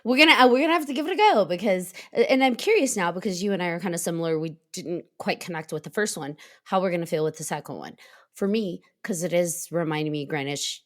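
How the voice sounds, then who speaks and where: Texas woman host, low-ish voice, talks fast and easy, laughs a bunch. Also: expressive. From United States, Texas. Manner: chatty, laughs often. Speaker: podcast host. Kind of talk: casual podcast chat.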